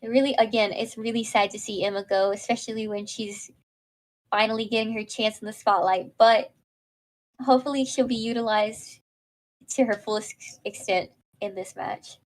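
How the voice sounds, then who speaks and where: A woman's voice: medium pitch, fairly even intonation, normal speed, low-quality recording. Easygoing woman co-casting a tournament. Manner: easygoing, moderates and asks co-caster questions. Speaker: esports caster. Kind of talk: live tournament commentary.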